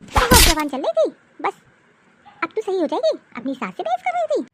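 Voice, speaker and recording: A woman's voice: sits high, sing-song, fairly quick, very noisy. A woman voicing a domineering older mother-in-law in a cartoon, with a harsh, taunting, commanding manner. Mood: scolding. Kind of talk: cartoon voice acting.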